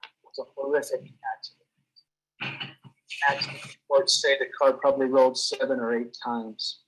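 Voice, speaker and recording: A man giving an earnest, halting personal testimony as an accident survivor, often restarting his sentences. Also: medium pitch, level tone, a bit bright, breathy edge, poor audio.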